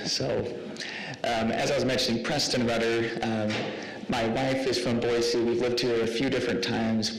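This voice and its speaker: Man, new city attorney, gravelly voice, even delivery, friendly and a little jokey. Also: medium pitch, rough recording. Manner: friendly, lightly joking, frequent ums. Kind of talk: introductory remarks at a council meeting.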